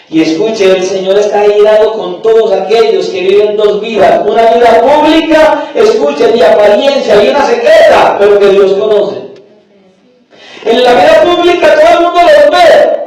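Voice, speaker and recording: A man, a pastor, preaching a sermon with fiery delivery that rises to shouts, heard in a church hall. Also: high voice, slight background noise. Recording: echoey church hall, mic at a distance.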